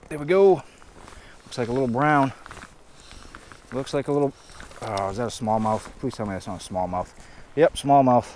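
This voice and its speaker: A man's voice: medium pitch, darkish tone. A man with a New England accent giving upbeat play-by-play of his fishing on a river, filmed on a head-mounted camera. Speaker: fishing vlogger. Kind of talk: casual outdoor narration to camera. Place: outdoors on a rocky riverbank. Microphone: head-mounted action camera. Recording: faint river and wind noise.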